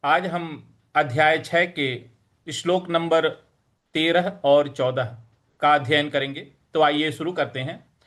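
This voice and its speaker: A man teaching scripture recitation, chanting verses slowly and explaining pronunciation between them. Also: a little high, fairly even intonation, fairly bright tone. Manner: slow measured chanting of verses, then quick plain explanations; devotional greetings. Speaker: Gita teacher.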